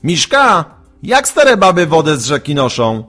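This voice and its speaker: A man voicing a street bear-tamer in a storybook, shouting commands to his bear in a barker's call. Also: a little high, wildly swooping pitch, unhurried, faint music behind, voice pushed up, heavily acted. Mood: showy. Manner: loud barker's calls. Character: loud male bear-tamer showman calling out.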